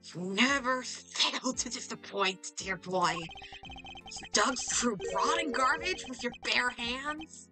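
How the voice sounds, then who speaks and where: A woman's voice: on the high side, slow pace, bright, forceful tone, faint music behind. A woman voicing a pompous, sneering older male villain who is the father of a young man. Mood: mocking. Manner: condescending, mocking.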